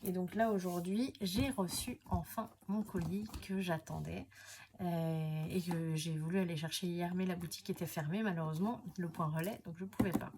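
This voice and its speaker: A woman chatting casually to camera while unboxing craft papers, hesitant, full of fillers and self-corrections, sometimes dropping to a soft near-whisper. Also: fairly low pitch, steady tone, normal speed, slight background noise. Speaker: scrapbooking crafter presenting her channel.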